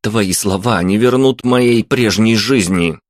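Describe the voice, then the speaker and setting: A man's voice: fairly low pitch, slow, dry recording, clean studio sound. A man voicing a furious, vengeful red-haired young woman who speaks with biting contempt in an audiobook. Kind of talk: audiobook character voice.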